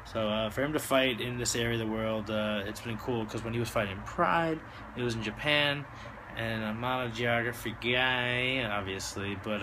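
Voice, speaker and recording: Man, casual fight-show host, drunk and loosely rambling, halting delivery, mid-pitched voice, clear background noise. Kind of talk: casual solo fight recap.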